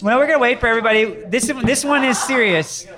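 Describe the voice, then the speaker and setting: A high-pitched man hosts in a joking, upbeat way, laughing often as he talks into a handheld mic. He is in a packed pizzeria bar with loud chatter all around him. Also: quick pace. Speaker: host. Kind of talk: lively group chat at a hot-sauce tasting. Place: busy pizzeria bar, indoors. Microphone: handheld mic passed around. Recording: noisy crowded room. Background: loud crowd chatter.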